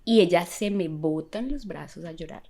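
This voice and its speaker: Young woman telling an animated story. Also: on the low side, moderate pace, vocal fry. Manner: animated, acts out the voices of the people in her story. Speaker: podcast guest sharing a testimony. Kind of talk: casual storytelling.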